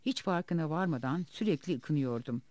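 A man reading the part of a bitter, wounded woman house cleaner in an audiobook, in a quiet, subdued way. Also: fairly high pitch, animated, moderate pace, no echo, close to an everyday voice. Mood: haunted.

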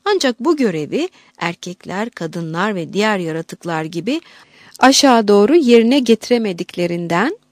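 A woman's voice: mid-range voice, animated, normal speed, dry recording, studio quality. Woman reading an audiobook aloud. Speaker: narrator. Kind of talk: audiobook narration.

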